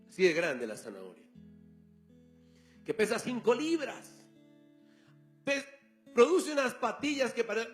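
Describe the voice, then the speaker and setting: A male pastor preaching a sermon, telling a story and acting out the dialogue. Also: sits high. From Colombia.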